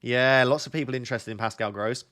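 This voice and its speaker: A young man with a medium-pitched, blocked-up nasal voice talks quickly and sharply on a live stream. He chats casually, thinking aloud as he reads through the chat.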